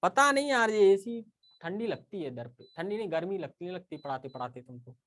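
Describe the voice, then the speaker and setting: A man's voice: sits high, lively intonation, fairly quick, a bit bright. A man teaching a casual live online class, talking straight to his students and often checking in with "okay".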